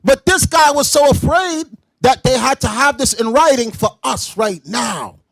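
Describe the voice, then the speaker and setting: Shouting high-voiced male preacher. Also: unhurried, gravelly, no echo. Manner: loud, confrontational, bursts into shouting; explains verses in everyday slang. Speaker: teacher leading a scripture class. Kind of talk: street-style preaching commentary.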